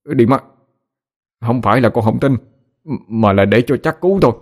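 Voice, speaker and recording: A man's voice: mid-range voice, normal speed, pitched above the performer's own voice, natural voice. A man voicing a violent middle-aged husband who stammers and pleads. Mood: pleading.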